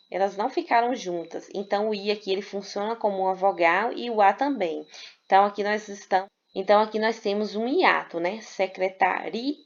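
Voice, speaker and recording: A woman teaching a grammar lesson, patiently spelling out syllables and checking in with "né?". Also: mid-range voice. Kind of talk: explanatory lesson. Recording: dull lo-fi recording.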